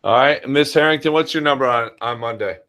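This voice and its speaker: An American man with a very bright, forceful voice at a middle pitch hosts a school orientation. He takes questions informally and talks straight to parents and young children, checking in as he goes. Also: fast. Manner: addresses parents and children directly, checks in with frequent "all right". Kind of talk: informal question-and-answer presentation.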